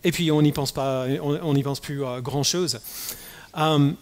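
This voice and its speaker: Man, pastor, raised in the US; halting sermon delivery full of restarts; long church-hall reverb. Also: on the high side. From United States. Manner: halting, many fillers and restarts.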